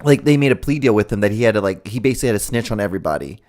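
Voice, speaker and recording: Fast-talking crude young male co-host. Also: fairly low pitch, lively intonation, a little mellow. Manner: crude, joking, acts out phone calls in voices. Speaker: podcast co-host. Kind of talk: casual chat.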